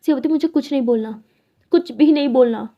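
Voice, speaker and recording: A woman's voice: sits high, brisk. A woman voicing a hurt, defiant teenage schoolgirl who answers back sulkily. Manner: defiant, sulky. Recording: dull lo-fi recording.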